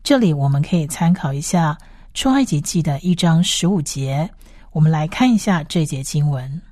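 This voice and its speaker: A woman talks through a Bible study passage by passage, in a steady explanatory manner. Her voice sits a little low for a woman. The recording is dry, with no room sound. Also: moderate pace, no room sound. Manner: steady explanatory reading, reads scripture aloud. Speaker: Bible teacher. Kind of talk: scripted Bible study lecture.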